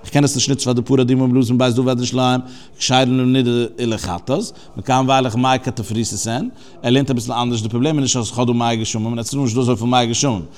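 A man giving a text study lesson, going through scripture phrase by phrase and explaining each Hebrew term. His delivery is conversational, with restarts and fillers. His voice sits at an ordinary middle pitch for a man. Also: little pitch movement, fairly quick, darkish tone. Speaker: religious teacher.

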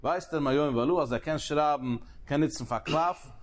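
A Talmud teacher with a somewhat high voice gives a study lecture on a religious text, speaking in rapid bursts. He repeats and restarts phrases and poses questions as he reasons through the material.

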